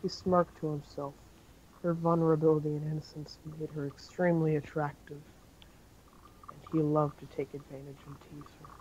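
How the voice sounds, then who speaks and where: A man's voice: fairly high pitch, level tone, normal speed, darkish tone, highs cut off, slight background noise. A man reading a fan-fiction story aloud in an amateur style, with occasional slips and self-corrections.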